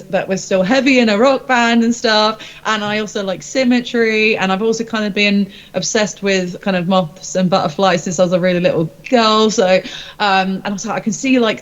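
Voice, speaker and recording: A woman who sings in a rock band chats casually as an interview guest, rambling informally and giggling. Her voice is a little high, and the recording sounds muffled.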